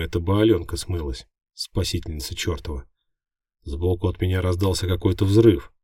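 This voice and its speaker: Deep-voiced male audiobook narrator. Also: a little mellow, no room sound, studio quality, distant mic. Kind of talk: first-person audiobook narration.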